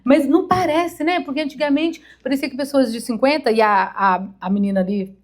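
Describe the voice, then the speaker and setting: A woman's voice: sits high, brisk. A woman in her fifties with a Mineiro Brazilian accent, preaching an informal sermon in a chatty, emotional way, acting out little stories. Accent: Mineiro Brazilian Portuguese. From Minas Gerais, Brazil. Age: 50s. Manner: chatty, emotional, storytelling with acted-out quotes. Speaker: therapist preaching to a congregation.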